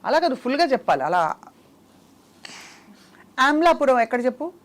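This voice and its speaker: A young woman with a Telugu accent interviews a child in a playful, coaxing way, firing off short questions and gentle teasing. Her voice sits a little on the high side. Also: big pitch swings, normal speed. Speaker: interview host.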